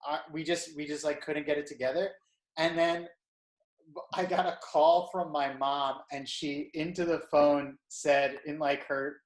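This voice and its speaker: Co-host, man, slightly high voice, swears casually, rambles through stories; echoey room. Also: level tone, unhurried. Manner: profane, rambling storyteller. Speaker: podcast co-host. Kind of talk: casual chat. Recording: roomy echo.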